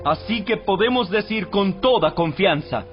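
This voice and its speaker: Male narrator, high-pitched, solemn and measured, for scripted audio Bible with faint background music. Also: animated. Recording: dull radio-like sound with music behind.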